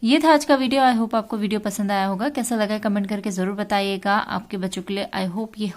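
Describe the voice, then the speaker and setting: A woman takes children through a worksheet step by step. She sounds patient and explains things slowly. Her voice sits at an ordinary middle pitch. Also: steady tone.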